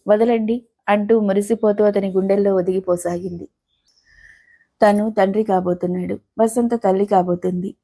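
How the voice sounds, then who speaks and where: A woman narrating a novel in an expressive, steady storytelling manner. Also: mid-range voice. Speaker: audiobook narrator.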